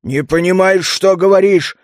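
A man's voice: high-pitched, steady tone, moderate pace, dry recording, clean studio sound, lightly acted. A man voicing an irritable, scornful old mentor in an audiobook, scolding and growling. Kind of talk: audiobook character voice.

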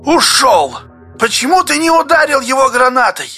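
A man voicing a feverish, excitable male geologist who talks high and agitated, often shouting. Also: moderate pace, soft background music, full character voice. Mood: frantic shouting.

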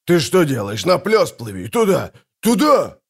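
A man plays an excitable sailor in a storybook adventure, yelling directions from the bow. His voice climbs high and loud, lively and eager. He is urgent and keeps calling out. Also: measured pace, gravelly, husky, full character voice. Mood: alarmed. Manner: shouting, pointing out directions.

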